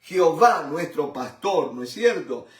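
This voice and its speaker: A man teaching a Bible study in a fervent sermon style, repeating tag questions and addressing listeners as brothers, with halting restarts and swings in loudness. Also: on the high side, animated. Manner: fervent, repeats "mi hermano" and "¿no es cierto?". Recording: roomy echo from a distant mic.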